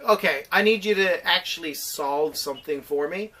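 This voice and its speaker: A man co-hosting a casual comedy podcast about movies, playful and quick to laugh. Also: on the high side, far from the mic, very noisy. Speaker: podcast co-host.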